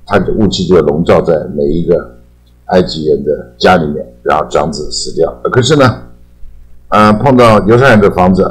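Deep-voiced older Taiwanese man teaching. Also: poor audio. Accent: Taiwanese Mandarin. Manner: chatty, drawn-out sentence-final particles. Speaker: English teacher. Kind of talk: casual explanatory lesson.

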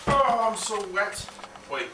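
A man's voice: high-pitched, sing-song, slow. A young man from Canada hamming it up in goofy, mock-dramatic home-video chatter. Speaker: actor in home sketches. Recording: echoey noisy home-camera audio.

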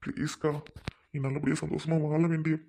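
A man's voice: fairly high pitch, flat delivery, brisk, creaky, dark tone. A man playing a devoted, hot-tempered younger brother who urgently pleads with his widowed sister. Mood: pleading.

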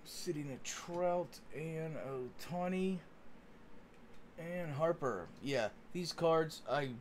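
A man hosts a sports card break at a card-covered table indoors, chatting in a folksy, friendly way as he opens cards, like he's among friends. His voice sits a little high and he talks slowly, with a faint hiss or hum in the recording.

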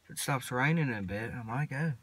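Teen guy mumbling to his phone in a truck cab, slow drawl, lots of pauses. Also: mid-range voice, background noise. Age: teens. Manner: mumbled, laid-back drawl with long pauses. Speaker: vlogger. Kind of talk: casual rambling vlog. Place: inside a parked truck cab. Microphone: phone camera at arm's length.

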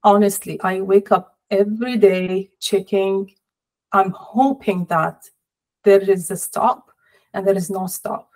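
A middle-aged woman talks over a video call from a small room. She speaks as an interview guest in a measured, sorrowful way, pausing often between thoughts. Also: medium pitch, steady tone, darkish tone, poor audio. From Palestinian, family in Jordan. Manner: measured, sorrowful, deliberate pauses. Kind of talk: personal interview. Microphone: laptop or webcam on video call.

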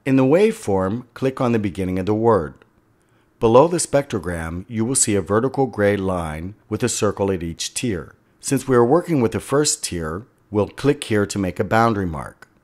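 Low-voiced man narrating a software tutorial. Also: animated, normal speed. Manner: step-by-step, instructional. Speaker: instructor.

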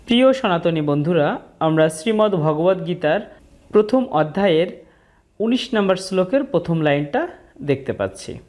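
A woman teaching the pronunciation of Sanskrit verses, speaking slowly and deliberately and chanting each verse. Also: on the low side, animated, a little mellow. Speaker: scripture teacher.

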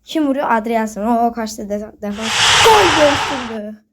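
A high-pitched woman talks her way through a football manager game. She is excitable and keeps scolding the players on screen. She also chats to her viewers as if they were friends. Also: a little slow, very noisy. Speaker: gaming video host. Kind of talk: casual gameplay commentary.

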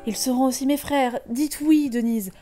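A wealthy man pleads and cries out in despair, his voice trembling, as a woman reading a novel aloud acts him out. The tone is warm and mellow and pitched fairly high. The effect is of an expressive classroom reading. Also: moderate pace, soft background music, natural voice. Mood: desperate. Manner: trembling, then crying out. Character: desperate wealthy male store owner, trembling.

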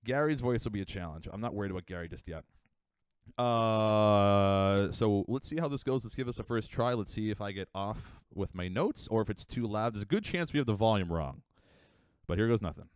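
A young man chatting casually on a live stream, rambling with fillers and quick asides. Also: fairly low pitch, lively intonation, clear, resonant tone, no echo, clean studio sound. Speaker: livestreamer.

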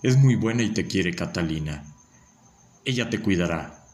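A man voicing a condemned father facing death, grave, measured and calm. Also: low voice. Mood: stoic. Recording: voice over loud music.

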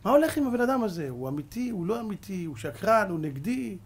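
A sleepless ancient king, suspicious and quick to rage, as a man acts him out. He mutters his fears in a husky, hushed voice, then flares into high, sharp orders. The voice sits a little high for a man. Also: very animated, full character voice. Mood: suspicious muttering. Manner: suspicious muttering, bursts into shouted demands.

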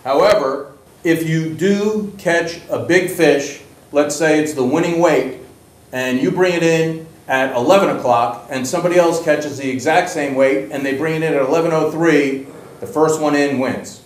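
A middle-aged man co-hosting a rundown of tournament rules with wry, deadpan jokes, recorded in a fishing shop. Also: a little high, moderate pace, echoey room, low-quality recording. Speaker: co-host.

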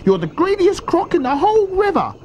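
A man voicing a fussy, scornful smaller crocodile from a children's storybook, indignant and mocking, with drawn-out emphasis. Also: extremely high pitch, huge pitch swings, darkish tone, highs cut off, a little hiss or hum, pitched above the performer's own voice, full character voice. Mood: scornful mockery.

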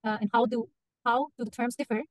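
A woman's voice: a little high, fairly even intonation, fairly quick, no echo, poor audio. A woman moderating a video call, hesitantly reading out a question from the chat. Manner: hesitant, many uhs.

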